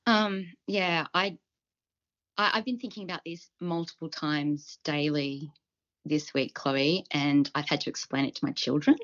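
Woman, 30s to 40s, podcast co-host, earnest and animated, lowish voice, muffled recording. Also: measured pace. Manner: animated, earnest, with ums and restarts. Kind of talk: casual podcast chat.

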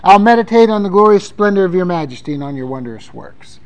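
A man's voice: high-pitched, expressive, fast, smooth, poor audio. A male pastor delivering a sermon, talking conversationally and reading scripture aloud with emphasis.

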